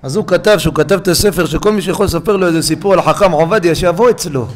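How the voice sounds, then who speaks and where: A man, a rabbi, delivering a sermon in a synagogue, telling stories with strong emotion, repeating phrases for emphasis and swinging between loud and soft. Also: high voice. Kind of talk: sermon with storytelling.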